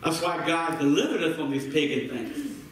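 A man's voice: on the high side, moderate pace, a bit bright, slight background noise. A man preaching a sermon to a congregation, repeating words as he builds each point and calling for responses. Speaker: pastor. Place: church sanctuary. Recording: echoey sanctuary from far off.

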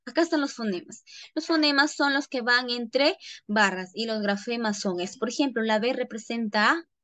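A woman's voice: fairly high pitch, normal speed, fairly bright tone, dry recording. A woman teacher giving an online lesson, often checking in with her students by asking "¿ya?" and calling them "chicos".

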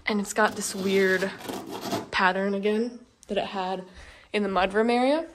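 A woman's voice: medium pitch, steady tone, measured pace, background noise. A young woman chatting casually as she walks through an empty house, filming a tour vlog with frequent ums and likes. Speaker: vlogger.

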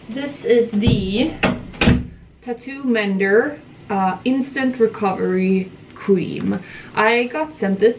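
A woman's voice: mid-range voice, creaky, distant mic, noisy background. A woman vlogging in a casual, rambling way, with lots of fillers and a slight lisp. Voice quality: slight lisp from a mouth guard. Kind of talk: casual vlog chat.

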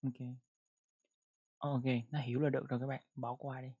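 An English pronunciation teacher in a casual online lesson, who repeats words and reads English example sentences slowly. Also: medium pitch, level tone, warm tone, slightly rough, highs cut off.

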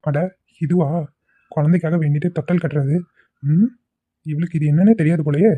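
A woman voicing a caring young husband in a cartoon, speaking softly and affectionately. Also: low voice, steady tone, normal speed, husky. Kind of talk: cartoon voice acting.

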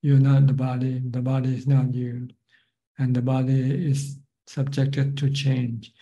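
An older Buddhist monk with a Thai accent, calmly explaining Dharma on a video call. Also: male voice, medium pitch, muffled recording. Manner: calm, measured, plain explanations. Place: plain room, seated in office chair.

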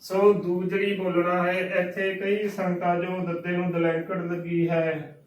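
A man teaches scripture pronunciation letter by letter, slow and patient. His voice sits high for a man and stays fairly even. The room is roomy and he sounds a little off the mic. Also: recorded from a distance, slight background noise. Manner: slow, careful, spells out each letter and sound. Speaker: Sikh religious teacher.

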